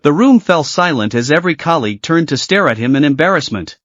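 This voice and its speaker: A man's voice: a little high, expressive, fast talker, a bit bright, no room sound. A man narrating a manhwa recap in a dramatic storytelling style. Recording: dry, dull lo-fi voice.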